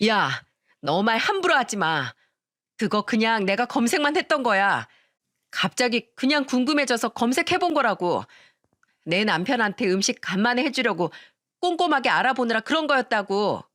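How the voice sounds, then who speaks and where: A woman's voice: on the high side, very animated, fairly bright tone, no room sound, studio quality. Woman putting on a two-faced scheming wife. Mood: cold denial. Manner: slow, sugary fake concern, turning cold and defiant.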